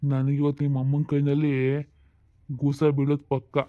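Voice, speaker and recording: A man voicing an easygoing, indulgent father who calms his scolding wife in a cartoon family drama. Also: a little high, moderate pace, no room sound, natural voice. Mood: resigned. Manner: soothing, placating. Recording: slightly dull lo-fi sound.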